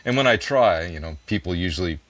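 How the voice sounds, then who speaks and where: A music producer who speaks English natively sits for a conversational interview, explaining at length with earnest, self-mocking humor. Fast and lively in intonation, his deep voice is a bit bright, with no echo.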